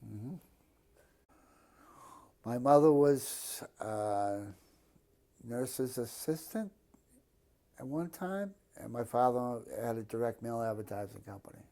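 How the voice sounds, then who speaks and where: Here a Boston man in his fifties takes his time, leaving long pauses, though his mellow mid-range voice stays animated. He answers the interviewer's questions in a relaxed, blunt, plain-spoken way, with a fair amount of swearing.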